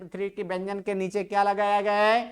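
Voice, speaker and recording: A teacher giving a classroom grammar lecture, constantly quizzing students and slowly repeating their answers back. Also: medium pitch, completely flat delivery, a crowd in the background.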